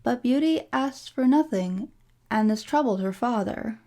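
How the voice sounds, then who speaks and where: Mellow, higher-pitched woman reading a fairy tale. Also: lively intonation, a little slow. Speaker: storybook reader. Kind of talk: scripted fairy tale narration, storybook read-aloud.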